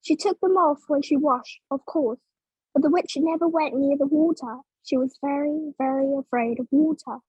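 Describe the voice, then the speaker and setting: A woman from Vietnam narrating a children's storybook in English for learners, slow and clear. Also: sits high, dark tone, dry recording, highs cut off.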